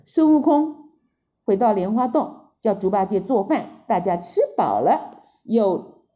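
A woman narrating a children's story in a lively, expressive way, often adding little fillers. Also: mid-range voice, unhurried, dull audio.

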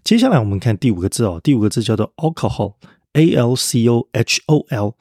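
A man's voice: medium pitch, animated, brisk, mellow, dry recording, studio quality. A man teaching English vocabulary in a podcast lesson, explaining word roots step by step and spelling words out letter by letter.

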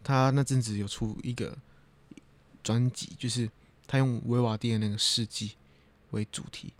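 A man's voice: mid-range voice, fairly even intonation, moderate pace. A young man hosting a podcast in casual chat, easygoing and a bit tired. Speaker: podcast host.

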